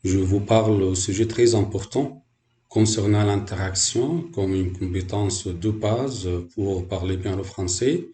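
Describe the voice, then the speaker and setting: A man's voice: fairly low pitch, mellow, reverberant, a little hiss or hum. A man from Egypt, a French language teacher, gives a hesitant talk to fellow teachers with many fillers and restarts.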